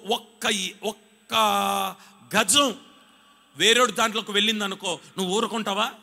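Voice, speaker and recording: High, bright-voiced preacher man in a reverberant hall. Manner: rises from quiet storytelling to shouted exhortation, urging the congregation to respond. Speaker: pastor. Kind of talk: Sunday sermon. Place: church hall. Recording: live sermon with long hall reverb.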